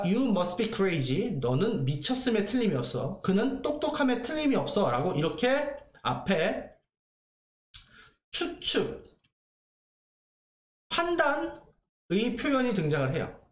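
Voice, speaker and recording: A man teaching English grammar in a lively lecture, asking questions and answering them himself. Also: sits high, measured pace, long pauses, reverberant. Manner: lively, asks and answers his own questions.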